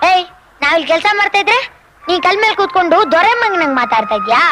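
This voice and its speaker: A woman's voice: very high-pitched, animated, fast talker, noisy background. A blunt, scolding village girl. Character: blunt, bossy village young woman. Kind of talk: film dialogue. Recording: film audio with music behind.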